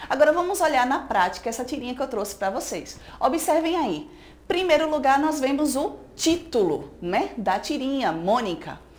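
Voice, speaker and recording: A Brazilian woman teacher with a slightly high voice delivers a recorded school lesson. She explains patiently and often tags her points with quick checks to the students. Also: very animated. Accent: Brazilian Portuguese.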